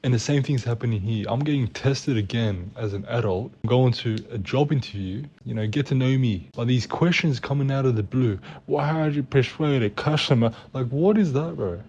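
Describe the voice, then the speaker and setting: A man's voice: mid-range voice, brisk, few pauses, dark tone, slightly rough, lo-fi sound. A young man in casual chat, ranting in an exasperated, slangy way. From Australia. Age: young adult. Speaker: co-host.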